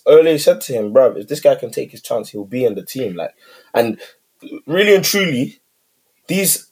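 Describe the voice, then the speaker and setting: A man's voice: medium pitch, a little mellow, slightly rough. A young man with a London urban accent in casual sports discussion, slangy and making his case point by point. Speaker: football podcast co-host.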